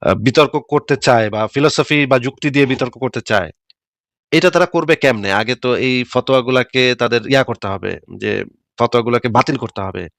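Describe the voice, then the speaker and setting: A man hosting a live stream, commenting quickly and mockingly with rhetorical questions. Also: mid-range voice, gravelly, fairly bright tone, dry recording.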